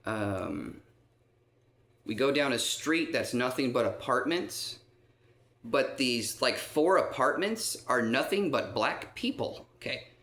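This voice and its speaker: A man's voice: mid-range voice, animated, takes it slowly, a bit bright. A man telling a long personal story in a rambling way, often stopping to check in with his listener and filling gaps with "um". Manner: rambling, checks in with repeated "okay?" and many "um"s. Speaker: vlogger. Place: resident's room in a care home. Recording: roomy echo.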